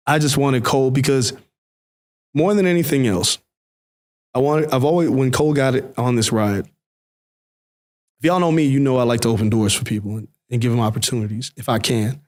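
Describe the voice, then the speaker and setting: A man co-hosting a podcast, telling a story in an animated, casual way and swearing freely. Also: mid-range voice. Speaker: podcast co-host. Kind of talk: casual chat.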